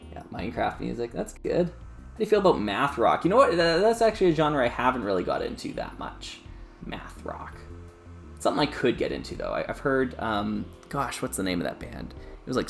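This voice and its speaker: A man's voice: medium pitch, vocal fry, a bit bright. A man casually chatting on a live stream as a YouTube creator, rambling, restarting sentences and laughing as he reads the chat.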